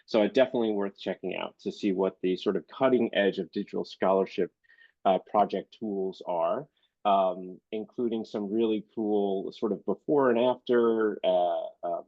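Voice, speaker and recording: A man with a lowish voice gives an online library presentation while congested from illness, speaking at a normal speed. He sounds hesitant and uses many fillers. The video-call audio is dull and dry, with no echo.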